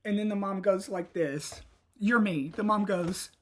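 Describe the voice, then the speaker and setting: A woman's voice: mid-range voice, fairly even intonation, normal speed, slight background noise. A woman hosting a casual solo podcast, chatty and rambling, with frequent fillers. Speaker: podcast host.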